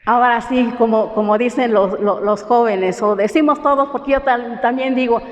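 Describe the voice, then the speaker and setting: A woman's voice: a little high, moderate pace. A woman from coastal Oaxaca, a native Mixtec speaker with a Mexican accent, teaching a language class in a patient, encouraging way and often restarting her sentences. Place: university classroom. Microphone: teacher's own microphone. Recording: roomy hall echo, slightly dull.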